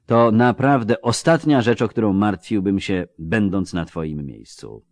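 A man's voice: on the low side, lively intonation, unhurried, darkish tone, dry recording. A man voicing a sardonic halfling surgeon. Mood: grimly calm. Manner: dry, mocking, clinical. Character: sardonic halfling field surgeon, male, unflappable.

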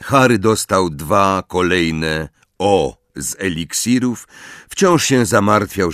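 A man narrating an audiobook in a calm, measured storytelling style. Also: low voice, no room sound, clean studio sound. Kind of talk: scripted narration.

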